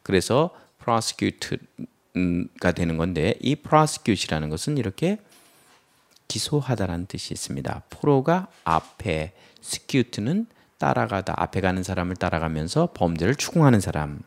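A man with a lowish voice gives a vocabulary lesson, his pitch swinging widely as he explains word roots. He acts out little example sentences and offers playful memory tricks. His delivery stays animated and teacherly. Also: measured pace, creaky. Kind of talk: lively vocabulary lecture.

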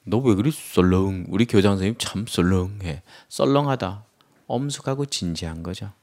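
A man's voice: low voice, normal speed, a little mellow. A man teaching English vocabulary, explaining word roots and acting out example sentences with playful memory tricks. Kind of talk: lively vocabulary lecture.

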